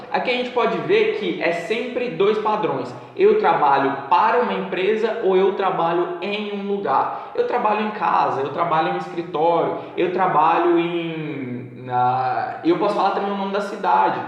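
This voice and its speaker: A man from Brazil gives a casual English lesson. His voice sits a little high, and he explains patiently, slowing down to repeat each example. The room is very echoey, with a long reverb trailing after his words. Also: lo-fi sound. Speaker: English teacher.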